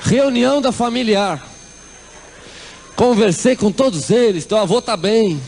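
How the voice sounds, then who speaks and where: A Brazilian man voicing his excited mother as she gushes about a spiritual meeting, in a told testimony. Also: high-pitched, measured pace, gravelly, pitched above the performer's own voice, exaggerated voice. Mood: gushing. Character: excited middle-aged mother, newly devout.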